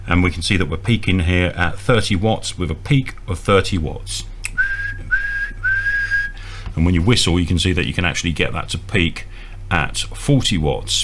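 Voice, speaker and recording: At a small indoor equipment bench, a man with a low, slightly bright voice walks through an informal, hands-on demonstration step by step, hesitantly. Electrical hum and noise can be heard.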